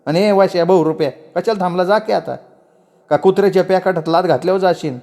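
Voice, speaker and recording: A man's voice: sits high, fast talker, vocal fry, a little mellow, voice pushed up. A man voicing a middle-aged village aunt who scolds harshly in rustic dialect. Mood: furious scolding.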